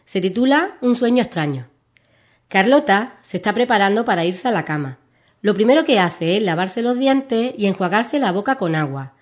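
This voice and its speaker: Soft-spoken woman telling a story. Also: medium pitch, expressive, moderate pace. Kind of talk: reading a children's story aloud.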